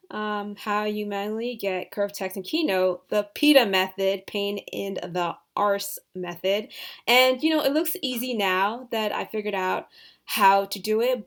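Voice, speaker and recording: A woman walks through a software tutorial in a relaxed, thinking-aloud way, full of hesitant fillers. Her voice sits at a middle pitch with a noticeable vocal fry, and it drops to soft mutters as she works. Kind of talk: screen-recorded tutorial.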